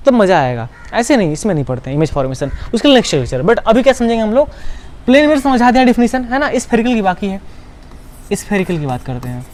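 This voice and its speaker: A man's voice: high-pitched, big pitch swings, fast, darkish tone. A male teacher giving an online class lecture. He asks his students questions, answers them himself, and repeats key words to make them stick.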